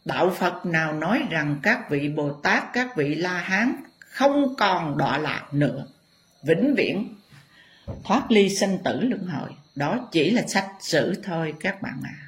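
Low, impassioned woman telling stories. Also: sing-song, takes it slowly. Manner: emphatic, impassioned. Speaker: spiritual teacher. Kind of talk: dramatic storytelling to viewers.

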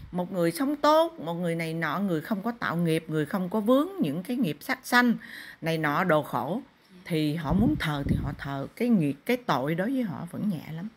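A woman's voice: on the low side, expressive, moderate pace. A middle-aged woman, a spirit medium, lecturing a client firmly. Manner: firm, lecturing. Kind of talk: counselling a client in a spirit ritual.

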